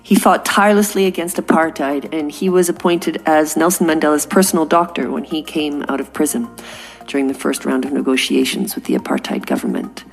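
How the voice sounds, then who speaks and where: With soft background music and a rough recording, a Canadian woman in her forties hosts a podcast and tells a personal story earnestly and reflectively in a scripted monologue. Her low voice has vocal fry, a sing-song lilt and a slightly fast pace.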